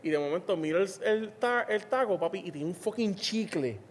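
Rowdy high-voiced Puerto Rican man. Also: moderate pace. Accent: Puerto Rican Spanish. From Puerto Rico. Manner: animated, swears constantly, voices his own quotes. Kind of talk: crude comic storytelling. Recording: long reverb, faint ambient noise.

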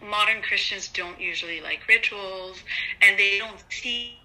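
A woman's voice: mid-range voice, bright, forceful tone. A woman talking hesitantly in an online group discussion, her voice breaking up and cutting out on a poor internet connection. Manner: hesitant, halting, with many fillers. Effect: glitchy audio cutting out on a poor internet connection. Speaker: participant in an online study group. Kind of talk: casual discussion on a video call. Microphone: video call.

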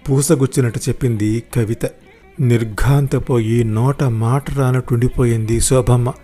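A man narrating a dramatic story in a low, measured way. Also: steady tone, mellow, faint music behind.

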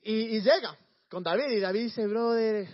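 A man preaching in a casual storytelling way, slangy and animated, often repeating words. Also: high voice, moderate pace, breathy edge, muffled recording.

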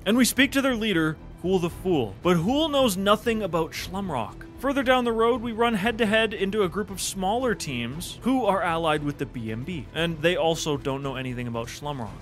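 High-pitched, animated man narrating game adventures. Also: normal speed, few pauses. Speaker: video game storyteller. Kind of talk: dramatic scripted narration of gameplay. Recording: music behind the voice. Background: background music.

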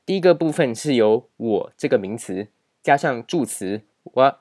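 Man, language teacher, patient, repetitive, mid-range pitch, slide lesson. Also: animated, normal speed, a little mellow. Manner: patient, repetitive, frequent filler particles. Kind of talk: explaining grammar over slides.

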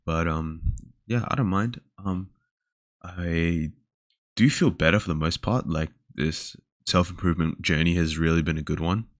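This casual solo podcast features a young Australian host rambling with many fillers and drifting off mid-thought as he talks alone to a camera indoors. His low-pitched voice keeps a steady tone at a slightly slow pace, captured in studio quality with no room sound.

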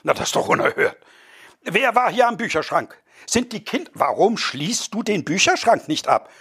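A man's voice: sits high, very animated, moderate pace, a bit bright, slightly rough, voice pushed up, full character voice. A man voicing an irate middle-aged bourgeois host who scolds shrilly and indignantly.

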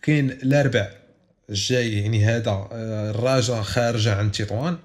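A man's voice: fairly low pitch, steady tone, a little fast, a little mellow. A man with a Moroccan accent hosting a casual football podcast, talkative and insistent, slipping in French words. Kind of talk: casual sports podcast chat mixing in French.

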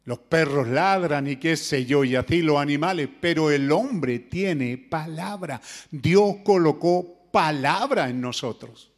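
A man preaching, with a notably high voice. He speaks earnestly and keeps turning to his listeners with rhetorical questions. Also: takes it slowly. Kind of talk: sermon.

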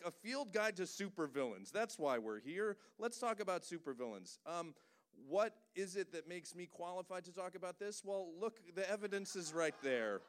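A man's voice: sits high, a bit bright. A man who works as a voice director, giving an enthusiastic, joking pop-culture talk to a live audience. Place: cinema, live event.

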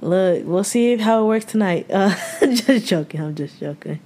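A woman's voice: medium pitch, lively intonation, mellow. Young Southern woman co-host, blunt, swears freely, easy mid-range voice. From American South. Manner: frank, profane, talks in quick restarts. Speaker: podcast co-host. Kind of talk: casual chat. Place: home room, remote recording.

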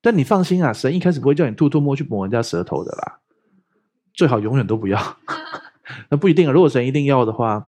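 A man preaches a sermon. His pitch leaps up and down as he jokes and tells stories, and his voice is slightly husky. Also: fast. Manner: playful, joking, animated storytelling. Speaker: pastor. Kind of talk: lively sermon teaching.

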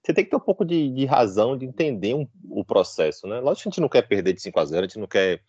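A man chatting on a fan podcast, reasoning out loud in a relaxed, filler-heavy way. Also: medium pitch, racing, slightly rough, dry recording, lo-fi sound. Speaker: podcast co-host, football fan. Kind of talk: casual chat.

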